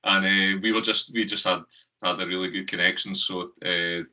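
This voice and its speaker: A man's voice: sits low, steady tone, normal speed, sharp tone, distant mic. A man with a Scottish accent, chatting casually as a guest on a remote call, laughing often and filling gaps with ums. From Scotland. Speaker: guest, lead singer. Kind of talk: casual interview chat.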